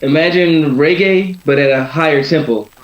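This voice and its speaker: A man's voice: a little high, normal speed. A man chatting casually as a boxer in an interview, rambling and often tagging on "you know". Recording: roomy, dull lo-fi sound.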